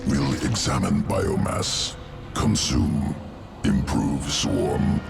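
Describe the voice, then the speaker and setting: An actor voicing a hulking, cold, hungry alien creature in a video game, terse and ponderous in broken grammar. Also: male voice, extremely low pitch, very animated, drawn-out words, creaky, full character voice. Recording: loud game music behind voice.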